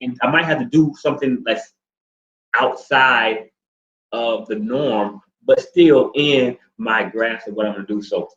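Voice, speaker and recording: A man's voice: medium pitch, a little slow, a bit bright. A man in his forties, co-hosting a casual couple chat, talking in a laid-back, rambling way with lots of fillers. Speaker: co-host. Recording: echoey room, dull lo-fi sound.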